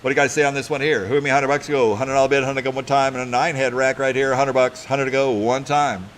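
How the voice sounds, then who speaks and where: A man working as a live auctioneer, calling bids in a rapid, repetitive sing-song chant. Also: mid-range voice, flat delivery, a bit bright. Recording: clear background noise, live event.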